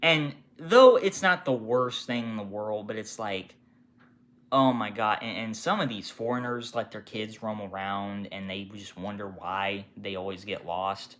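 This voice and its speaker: A retail worker rants through a casual storytime, swearing freely. The voice has a bright, cutting edge at a middling pitch. It lurches from loud exclamations to low, muttered asides. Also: measured pace, a little hiss or hum. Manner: profane, animated, swings from loud outbursts to muttered asides. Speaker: retail worker telling work stories.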